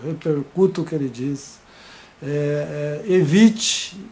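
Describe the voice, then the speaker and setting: A man gives an informal video lesson in a somewhat high, mellow voice. He talks hesitantly, often stumbling over repeated fillers and restarting his phrases.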